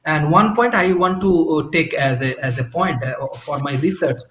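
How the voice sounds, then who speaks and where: A man from Bangladesh talks through an online panel in a fairly high voice. He hesitates and restarts often. His call sounds roomy and dull. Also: moderate pace, fairly bright tone. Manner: hesitant, many restarts and fillers. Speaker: panel guest.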